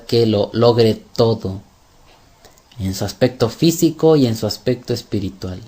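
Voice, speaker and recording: A man's voice: lowish voice, darkish tone. A man teaching scripture in a sermon style, emphatic and fond of rhetorical questions. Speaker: religious teacher.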